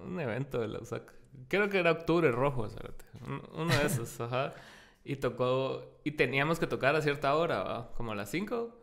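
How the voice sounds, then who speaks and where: Lively Guatemalan man interviewing. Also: mid-range voice, creaky. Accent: Guatemalan Spanish. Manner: laughs along, brief backchannel replies. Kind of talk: casual interview chat.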